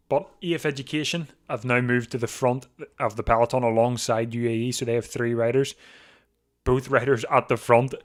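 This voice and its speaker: A man talks through a race on a live stream, slightly hoarse, with a middle-pitched voice. He rambles loosely, stumbles over repeated words and clears his throat now and then, close to a desk mic at home. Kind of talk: casual live race watchalong commentary.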